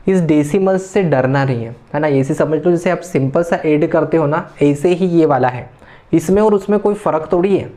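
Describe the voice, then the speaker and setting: Man, maths teacher, warm low-bright tone, patient and repetitive delivery. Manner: repetitive tag questions, patient step-by-step explaining. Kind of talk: classroom lecture.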